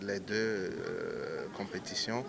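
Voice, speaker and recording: A man's voice: deep voice, slow, creaky. A man, an official, gives a press statement outdoors at an airport arrival, hesitant with many fillers. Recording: outdoor interview with crowd noise. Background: cheering crowd.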